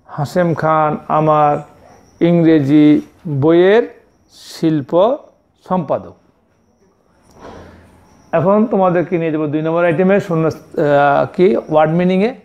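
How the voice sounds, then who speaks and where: Man, Bangladeshi accent, school teacher, gravelly voice, dull lo-fi recording. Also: a little high, takes it slowly, pauses often, a little mellow. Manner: spells words letter by letter, repeats each meaning several times. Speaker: primary school English teacher. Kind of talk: slow spelled-out classroom lesson.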